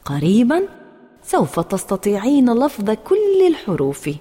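A woman voicing a kindly kindergarten teacher in a storybook reading, with a gentle, reassuring manner. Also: fairly high pitch, huge pitch swings, a little slow, husky, full character voice. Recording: roomy reverb with soft music.

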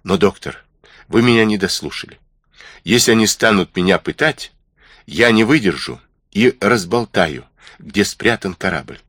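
An honest young cabin boy speaks earnestly and resolutely, read by a man with a low, husky voice. The sound is close and dry, with lively pitch. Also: a little slow, no echo.

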